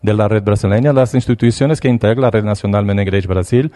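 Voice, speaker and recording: A Brazilian conference presenter, a native Portuguese speaker with a Brazilian Portuguese accent, gives a slide presentation. He's hesitant and halting, pausing and often restarting words, in a fairly low, dark voice.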